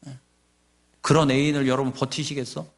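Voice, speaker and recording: A man's voice: medium pitch, little pitch movement, a little fast. Man preaching with rhetorical questions. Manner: acts out nagging voices and quoted speech. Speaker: pastor. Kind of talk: sermon.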